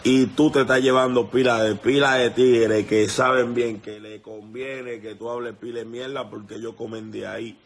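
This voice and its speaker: A man's voice: medium pitch, level tone, moderate pace, hardly any pauses. A young man with a Dominican accent, talking straight into a phone livestream in a heated, confrontational rant, repeating himself and asking whether the listener understands. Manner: confrontational, repetitive, keeps asking "you understand?". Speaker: musician addressing a rival.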